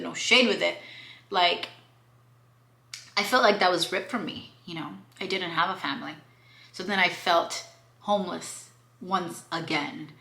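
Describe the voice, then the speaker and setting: A woman's voice: mid-range voice, a bit bright. A woman in her late twenties from Cuba, talking candidly in a casual vlog book review and slipping in playful slang. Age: 20s. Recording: roomy echo.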